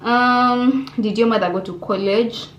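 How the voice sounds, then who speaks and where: Young woman, casual Q&A vlogger, expressive and chatty, talks straight to camera in a roomy-sounding bedroom. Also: fairly high pitch, measured pace. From Uganda. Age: young adult. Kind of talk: casual Q&A vlog. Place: bedroom indoors. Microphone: camera on desk facing her. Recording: roomy bedroom echo, faint hum.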